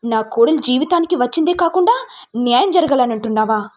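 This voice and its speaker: A woman's voice: sits high, expressive, a little fast, darkish tone. A woman voicing a stern middle-aged mother-in-law who scolds her son and pleads with a police officer. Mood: scolding.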